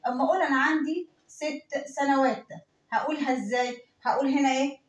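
A high-pitched Egyptian woman teaches beginners in a patient, drilling way, saying each word slowly and then saying it again. Her voice sits a little away from the mic in an echoey room. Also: steady tone, distant mic. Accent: Egyptian Arabic. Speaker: French teacher. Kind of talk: classroom lesson explaining and repeating words.

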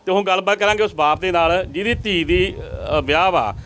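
A man's voice: high voice, fairly quick, fairly bright tone, slight background noise. A male field reporter making repetitive, pleading appeals to viewers during a charity interview in a family's rented home.

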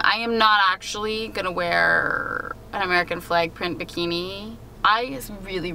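A woman's voice: mid-range voice, pushed and bright, slight background noise. A young woman from Canada, talking casually to camera while sitting in a parked car and rambling through her day. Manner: chatty, rambling, self-conscious asides. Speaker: vlogger. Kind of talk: casual vlog chat.

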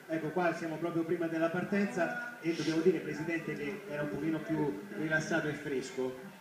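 A man's voice: on the high side, level tone, fairly quick. Echoey, distant male race commentator. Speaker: sports commentator and interviewer. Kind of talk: live race commentary with interviews. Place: outdoor commentary table at a sports field. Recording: very echoey, distant, crowd noise, filmed off television. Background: crowd.

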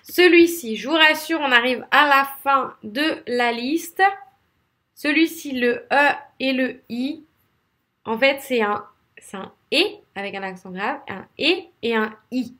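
A woman's voice: high-pitched, a little slow, fairly bright tone. A woman with a French accent teaching English pronunciation, speaking straight to her viewers and repeating each sound patiently. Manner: speaks directly to viewers, encouraging.

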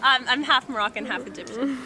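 A woman's voice: sits high, brisk, a crowd in the background. A young woman answering a street interviewer outdoors in a blunt, wry way. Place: outdoors on a city beachfront.

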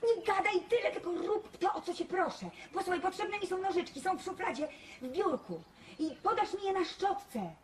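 Brief: a pushy sitcom dad whispering orders, very high voice, noisy track. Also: male voice, animated, moderate pace, far from the mic. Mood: urgent. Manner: urgent, hushed, commanding. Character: bossy scheming father, middle-aged man. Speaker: father locked on a balcony. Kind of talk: sitcom acting.

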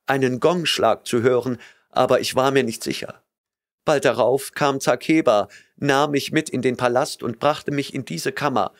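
During a storybook reading, a male narrator voices a trembling, terrified young woman who pleads and whimpers in a breathless rush. He pitches her well above his own voice, making it thin with fear, and the voice sounds natural.

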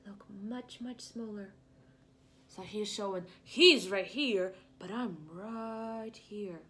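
A young preschool teacher reads a picture book aloud to small kids in a living room, explaining with expression and asking them questions. Her voice is mid-range with a fairly bright tone, and her pace is slow.

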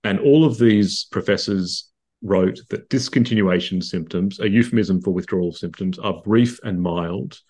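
An Australian psychiatrist in his thirties, interviewed by video call from his home, speaks at a moderate pace in a low, darkish voice with a breathy edge. He's articulate and explanatory, with frequent restarts.

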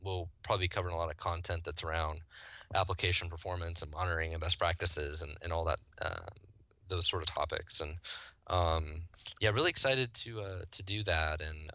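This software company founder, a Midwesterner guesting on a podcast, talks a little fast in a low-pitched voice with fairly even intonation and a bright, forceful tone. He explains his product fluently and enthusiastically in a casual way, sometimes restarting, with no echo present.

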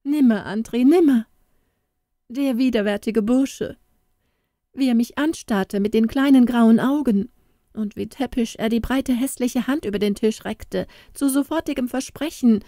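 A woman voicing a tearful young farm girl, high and pleading. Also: unhurried, mellow, no room sound, studio quality. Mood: indignant. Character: young farmer's daughter, frightened and pleading.

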